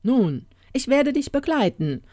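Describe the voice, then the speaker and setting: A woman's voice: sits high, sing-song, unhurried, warm tone, dry recording, voice pushed up, full character voice. A vain, stubborn old king, voiced by a woman narrator speaks with haughty scorn. His lines come firm and a little raised in this storybook reading. The recording is dry and close. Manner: haughty, scolding.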